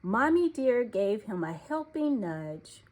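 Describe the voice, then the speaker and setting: Her voice a little high, a woman narrates a children's storybook with expressive, unhurried deliberateness, the way a storyteller would.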